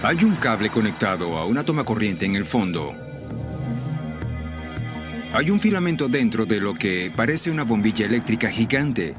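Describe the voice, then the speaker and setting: A man's voice: fairly low pitch, sing-song, normal speed, long pauses. A man giving explanatory commentary in a documentary. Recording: clear music behind the voice.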